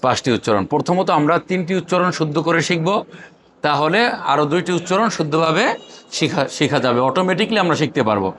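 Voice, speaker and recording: A man's voice: fairly high pitch, animated, quick pace, fairly bright tone. A man teaching Quran recitation, quizzing the class and having them repeat Arabic letter names after him. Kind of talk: classroom lesson with call-and-response drills.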